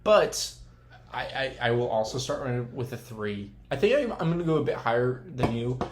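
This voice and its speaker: A man's voice: medium pitch, moderate pace, background noise. Young man, podcast co-host, easy joking chat, stumbles and restarts, laptop mic. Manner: relaxed, joking, stumbles over words. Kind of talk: casual chat. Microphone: laptop microphone.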